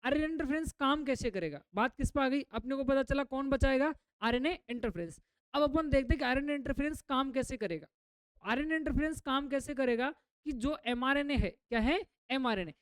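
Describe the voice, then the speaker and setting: A woman with a high-pitched voice, speaking at normal speed with no echo, teaches a biology class. She keeps putting questions to her students, then repeats the answers herself and mixes English terms into her explanations.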